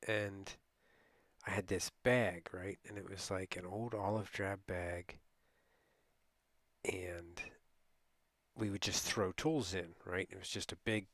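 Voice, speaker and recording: A man's voice: lowish voice, gravelly, fairly bright tone, no echo. A middle-aged man telling a rambling, casual late-night story as a streamer, often laughing and quoting people.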